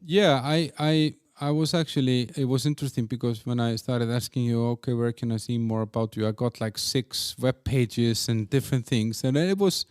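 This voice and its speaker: A man's voice: medium pitch, steady tone, moderate pace, hardly any pauses, darkish tone, clear, resonant tone, dry recording, clean studio sound. A man hosting a podcast interview, asking his guest questions in a loose, rambling way. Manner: rambling, with many fillers and restarts. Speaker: podcast host. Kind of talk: casual interview.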